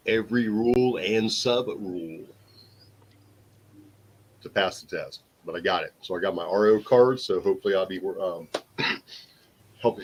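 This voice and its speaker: Hesitant, low-pitched male guest, faint noise behind him. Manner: hesitant, with fillers and throat clearing. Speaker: panel guest.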